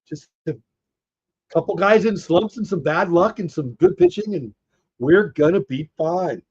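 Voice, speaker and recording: A man hosting a live baseball watch party, excitedly calling plays and chatting with viewers, a bit hoarse as he is losing his voice. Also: sits high, a little slow, lo-fi sound. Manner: excited, reacts to plays, talks to chat. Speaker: livestream watch party host.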